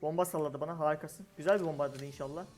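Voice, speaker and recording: A young man giving live commentary on his own gameplay, excitable and talking to himself and his opponents. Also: fairly high pitch, rapid-fire. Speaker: gaming streamer. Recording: game music and gunfire behind. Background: game music and gunshots.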